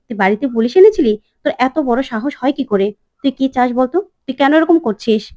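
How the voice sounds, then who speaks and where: Woman doing a firm older sister, scolding and reasoning, high voice, dry sound. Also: animated, fast, warm tone, dry recording. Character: earnest young wife, protective older sister.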